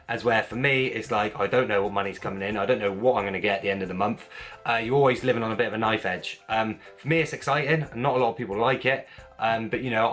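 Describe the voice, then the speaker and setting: A man with a Wiltshire accent and a fairly low voice chats to his vlog audience. His delivery is informal and blokey, wandering from point to point. Some music sits behind the talk. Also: a bit bright. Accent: Wiltshire English. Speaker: vlogger, gym owner. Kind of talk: casual chat to viewers.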